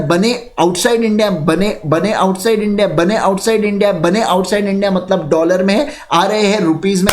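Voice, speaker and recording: Male tutor, fairly high voice, energetic call-and-response lecturing, slight room hiss. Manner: lively, repeats phrases, urges students to answer quickly. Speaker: online exam tutor.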